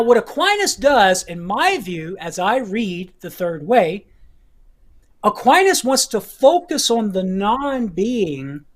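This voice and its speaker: A man lays out philosophy step by step, restating phrases and pausing to check that his listeners follow. His voice is clear, with an occasional cough. He sounds like a guest teacher talking with the hosts. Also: very high-pitched, a bit bright. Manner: deliberate, repeats phrases, checks in with okay.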